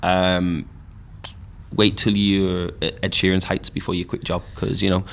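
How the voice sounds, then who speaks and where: Give me a deep Geordie man, casual and rambling, talking music in a pub. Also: normal speed, creaky. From Newcastle, England. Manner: relaxed storytelling with frequent fillers. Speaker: podcast host and musician.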